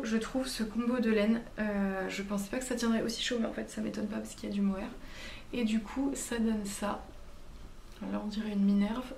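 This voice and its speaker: A woman chatting casually in her knitting vlog, talking easily with many fillers and self-corrections. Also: a little high. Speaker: knitting vlogger. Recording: roomy echo, faint background hum.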